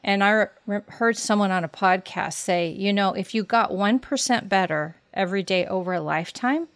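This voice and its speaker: A woman's voice: medium pitch, moderate pace, no echo. A woman hosting a casual podcast conversation, reflecting aloud and sometimes searching for her words. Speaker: podcast host.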